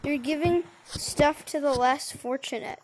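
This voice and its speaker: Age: unknown. Sex: woman. Pitch: high. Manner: rambling, chatty, self-correcting. Style: casual gameplay commentary. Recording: noisy game capture. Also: unhurried. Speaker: gaming video creator.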